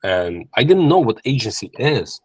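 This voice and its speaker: This podcast guest, an agency owner with a Ukrainian accent, chats casually over a video call from a laptop or phone camera. His husky, mid-range voice moves at a moderate pace as he tells lively stories in simple non-native English, frequently restarting sentences, and the sound is dry.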